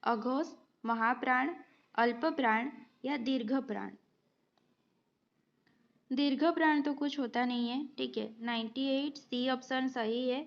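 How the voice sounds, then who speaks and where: A woman's voice: high-pitched, slow, creaky, highs cut off. A woman teaching Hindi grammar, going through multiple-choice exam questions and explaining each answer patiently, step by step. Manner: patient, explains step by step, often adds a short "okay" check.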